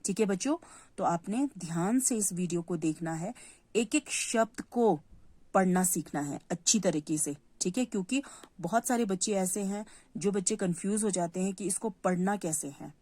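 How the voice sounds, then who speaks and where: A woman's voice: fairly low pitch, normal speed, dark tone, no echo. Patient woman teaching young children. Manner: patient, repeats key words, asks and answers own questions. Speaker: primary school Hindi teacher. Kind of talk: classroom lesson to young children.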